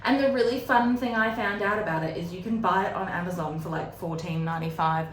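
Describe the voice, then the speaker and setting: A woman's voice: on the low side, fairly quick. A young woman hosting a book readalong, chatting casually with lots of fillers while doing her makeup. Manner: chatty, filler-heavy, giggly. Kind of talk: casual chat recapping a novel. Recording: roomy echo, faint background noise.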